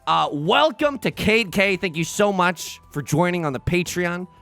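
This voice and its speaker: A man's voice: sits high, sing-song, a little slow, creaky, fairly bright tone, faint music behind. A man hosting his own let's play, talking through a tile game in a rambling, self-mocking stream of consciousness into a desk microphone. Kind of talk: casual gameplay commentary.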